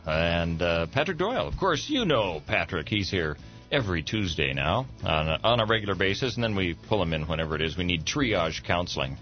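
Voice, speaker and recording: A man's voice: deep voice, sing-song, faint music behind. A man hosting a morning radio show in an easygoing, joking way, his voice hollow and boxy as if talking from inside a barrel. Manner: easygoing and joking, with filler pauses. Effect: hollow, boxy sound, as if inside a barrel. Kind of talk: casual on-air chat. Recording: dull, muffled radio broadcast.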